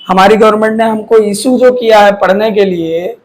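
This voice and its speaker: A man's voice: high voice, fairly even intonation, normal speed, poor audio. A man teaching, who asks questions and answers them himself, often repeating key words. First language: Hindi. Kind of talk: classroom lecture.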